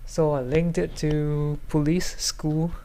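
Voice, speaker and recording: A man's voice: fairly high pitch, little pitch movement, slow pace, warm tone, poor audio. A man podcasting solo in a tipsy, loose, rambling casual chat, hesitating, trailing off and circling back. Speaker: podcast host.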